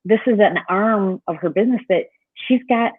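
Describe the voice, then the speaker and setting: A woman's voice: mid-range voice, moderate pace, slightly rough, dry recording. A woman life coach interviewing a client over a video call, upbeat and encouraging with many fillers, her voice tinny and glitchy through the call audio. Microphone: online call. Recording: dry, narrow phone-like call line.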